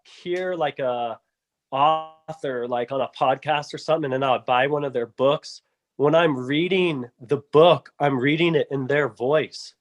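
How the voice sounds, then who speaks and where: A man talks casually on a podcast, his pitch sitting right in the middle. He rambles, backtracks and restarts his sentences, reaching for the next word as he goes. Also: measured pace. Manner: rambling, many restarts and fillers. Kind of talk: casual chat.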